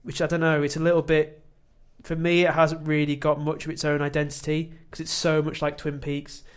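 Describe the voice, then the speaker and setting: A male podcast co-host with a slightly high voice, chatting casually. He rambles and laughs at himself, trips over his own words, and now and then breaks into excited outbursts. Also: a little fast, clean tone. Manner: rambling, self-deprecating, animated bursts. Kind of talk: casual chat.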